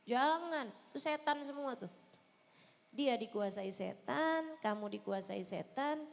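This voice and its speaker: High-voiced woman preaching in a hall. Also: expressive, a little slow, vocal fry. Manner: impassioned, addressing wives directly, swinging between loud emphasis and soft pleading. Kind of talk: sermon. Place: large hall at a religious celebration.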